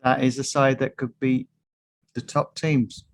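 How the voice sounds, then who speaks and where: A man's voice: medium pitch, level tone, measured pace. A man co-hosting a casual football podcast over a video call, wry and joking, steering the chat. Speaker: podcast co-host.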